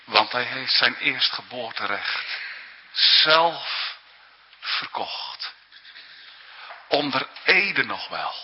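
Male preacher, husky and unhurried, pitch rises and falls widely as he presses home his points; dull lo-fi sermon recording in a reverberant hall. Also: lively intonation. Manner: earnest, emphatic, frequent tag questions.

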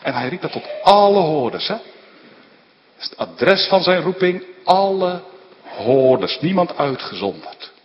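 A man preaching a sermon, repeating urgent calls and then explaining them slowly. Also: sits high, animated, big-room sound, muffled recording, slight background noise.

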